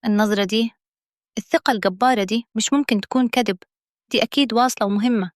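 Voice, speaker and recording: A woman's voice: a little high, steady tone, fast, dry recording, clean studio sound, close to an everyday voice. A woman with an Egyptian accent voicing a rude, contemptuous female dress shop owner. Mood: fearful. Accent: Egyptian Arabic. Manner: scolding, contemptuous.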